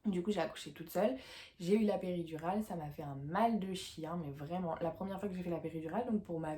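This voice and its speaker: A woman's voice: on the low side, quick pace, warm tone. A young woman from France, chatting casually to camera in a rambling way, full of fillers and restarts. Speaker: vlogger.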